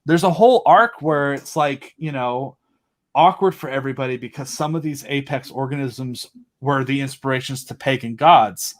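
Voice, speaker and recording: As a guest on a podcast, this audio drama creator talks enthusiastically and at length in a casual conversation, filling it with fillers and restarted sentences. His voice sits at medium pitch and moves at a normal speed.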